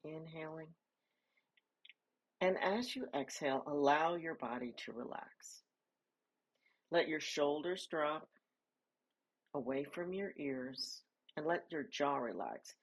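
Low-pitched woman talking you through a body scan real slow, soft and calm. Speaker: meditation guide. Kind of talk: guided body scan meditation.

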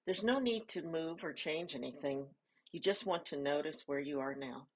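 A woman leading a guided body scan meditation, giving soft, calm instructions with pauses between phrases. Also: sits low, rough recording.

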